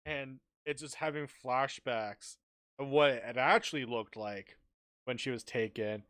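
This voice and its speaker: A man's voice: medium pitch, unhurried, fairly bright tone, smooth, no room sound, clean studio sound. A young man narrating his character's actions in a tabletop game, laughing often. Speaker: player.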